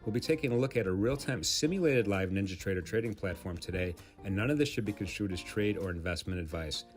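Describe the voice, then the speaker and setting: A man reading a scripted trading risk disclaimer in a brisk, advisory way. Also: low-pitched. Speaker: disclaimer narrator. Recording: faint guitar music under voice. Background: music.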